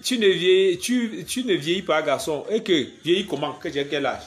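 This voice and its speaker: A young Cameroonian comedian with a Cameroonian French accent jokes playfully on a casual live stream, reading viewer comments aloud. His fairly high voice has lively intonation at a normal speed, with faint music in the background.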